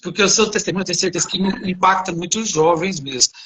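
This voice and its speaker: Man, high voice, bright tone, animated storyteller, preacher. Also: fast. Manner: animated, acts out dialogue in his story. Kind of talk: casual storytelling testimony.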